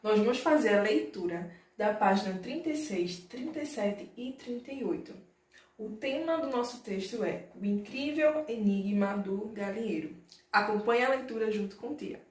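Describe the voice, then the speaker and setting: A woman primary school teacher gives a recorded lesson. She speaks patiently, stretches example words out slowly and keeps checking that the children follow. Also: medium pitch, far from the mic. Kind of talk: recorded remote class lesson. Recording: roomy, from the mic, faint noise.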